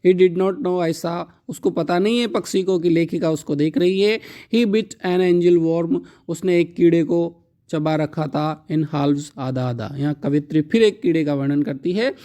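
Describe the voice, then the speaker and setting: A man teaching a poetry lesson. He reads each line slowly, then explains it. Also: on the high side, dark tone.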